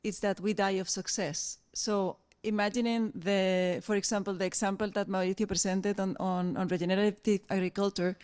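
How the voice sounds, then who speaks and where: A woman in the audience at a conference, asking a polite, measured question with a few pauses. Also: mid-range voice, fairly even intonation, a little mellow, smooth.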